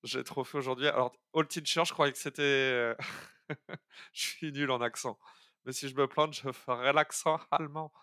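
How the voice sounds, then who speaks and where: A man's voice: mid-range voice, fairly even intonation, normal speed, sharp tone, no echo, studio quality. A man streaming a coding lesson, talking casually and hesitantly with many fillers while he thinks aloud. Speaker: coding streamer teaching algorithms. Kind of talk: live-streamed coding tutorial.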